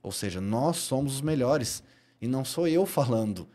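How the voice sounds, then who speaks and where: A personal trainer from Brazil, middle-aged, guests on a podcast and tells stories with animation. His voice is mid-range, mellow, and expressive, with a moderate pace, and he stresses and repeats key phrases.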